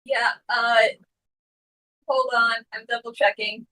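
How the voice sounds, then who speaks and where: A woman's voice: a little high, little pitch movement, slow pace, pushed and bright, rough recording. A woman in a tabletop game, checking the rules tentatively with filler words. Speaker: player.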